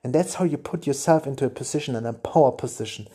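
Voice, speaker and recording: Guy on his podcast rambling thru dating advice, warm low-key voice, keeps correcting himself. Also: fast, breathy edge. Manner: rambling, blunt, frequent self-corrections. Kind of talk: casual motivational monologue.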